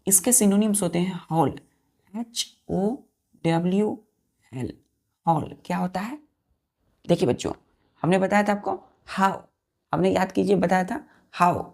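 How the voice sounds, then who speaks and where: Slow, gravelly-voiced woman teaching vocabulary. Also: fairly low pitch, a little mellow. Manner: slow, spells words letter by letter and repeats answers; asks pupils questions and answers them herself. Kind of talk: vocabulary lesson for students.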